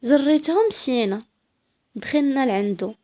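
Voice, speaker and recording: A woman's voice: high voice, expressive, moderate pace, mellow. A woman with a Moroccan accent narrating a first-person story in a proud, sassy way.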